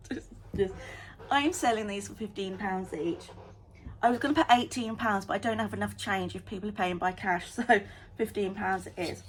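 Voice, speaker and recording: A woman vlogging in a casual, chatty way, talking fast and getting excited about small things. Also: medium pitch, slight background noise. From United Kingdom. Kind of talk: casual vlog chat.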